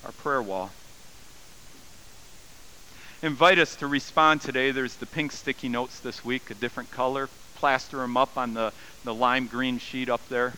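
Male pastor, sermon delivery, bright forceful tone, swells from hush to fervent, slight hiss on the recording. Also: mid-range voice, moderate pace, low-quality recording. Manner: swings from quiet reflection to loud, soaring emphasis. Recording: faint hiss.

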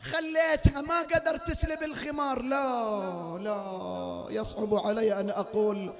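A man reciting a mourning sermon in a hall, moving between spoken narration, wailing chanted verses and shouted outbursts. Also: sits high, fairly even intonation, a little slow, vocal fry. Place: mourning hall before a gathering.

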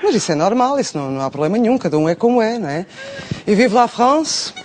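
A man's voice: high voice, very animated, fast talker, slight background noise. A man playing a blunt, mocking radio agony aunt. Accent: European Portuguese. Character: brash middle-aged agony aunt woman. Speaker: radio advice host. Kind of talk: comic radio phone-in.

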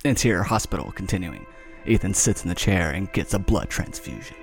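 Deep-voiced man reading stage directions. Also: very animated, brisk, creaky, soft background music. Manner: breezy, often breaks into laughter. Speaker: script reader.

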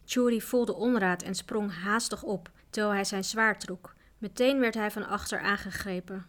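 A woman narrating a children's adventure book aloud in a steady, even reading voice. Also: mid-range voice, normal speed. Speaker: audiobook reader. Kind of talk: storybook narration.

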